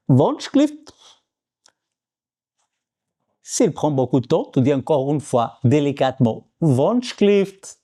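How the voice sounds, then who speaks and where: His mid-range voice is creaky and mellow as this man from Portugal, Portuguese-accented, runs a casual vlog for language learners. He keeps repeating each word he teaches.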